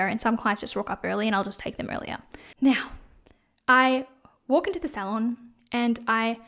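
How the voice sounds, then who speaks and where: A young woman, telling a story in a chatty, animated way as a podcast host, with lots of "like". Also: a little high. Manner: chatty, animated, heavy use of "like". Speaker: podcast host and salon owner. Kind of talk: casual storytelling monologue.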